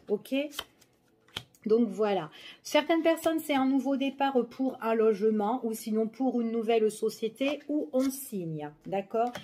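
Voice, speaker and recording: A woman with a fairly high, warm voice gives a casual general tarot reading. As a tarot card reader, she's chatty and full of fillers, often checking in with the listener.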